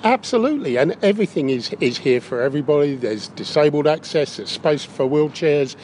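A man with a fairly high, darkish voice speaks a little fast and expressively. As an interview guest, he gives upbeat, enthusiastic, unscripted answers inside a big top tent in a park, recorded on location with some background noise.

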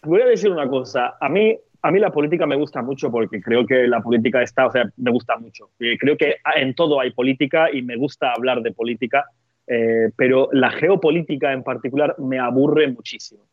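Man, Spain, podcast guest, animated casual chat, laughs a lot, dry dull sound. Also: mid-range voice, fairly quick, no echo.

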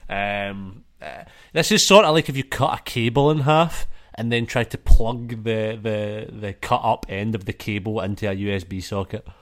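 A man's voice: lowish voice, moderate pace, fairly bright tone. Man narrating as game master. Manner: loose, rambling, full of fillers.

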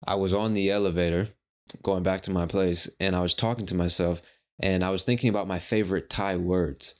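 A man's voice: sits low, fairly even intonation, fairly quick. A man hosting a casual solo podcast, talking in a rambling, playful way with the odd swear word. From United States. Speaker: podcast host.

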